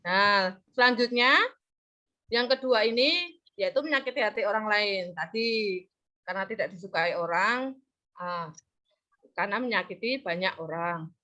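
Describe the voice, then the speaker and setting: A woman leads a practice lesson in class, encouraging and praising, and frequently leaves words half-finished for the students to complete. Her mid-range voice is bright and forceful, a little slow, with long pauses. The recording is muffled and lo-fi.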